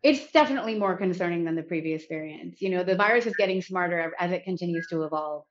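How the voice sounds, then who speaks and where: An American woman who founded a health company speaks as an interview guest, earnest and articulate with light laughs. Her voice is on the low side and fast, and the sound is lo-fi.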